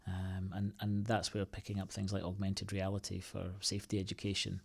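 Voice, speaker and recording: A man from the United Kingdom, a guest on an interview show, answering in a halting, thoughtful way with many restarts and fillers. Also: low voice, monotone, vocal fry, husky. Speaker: podcast guest, IT consultancy co-founder.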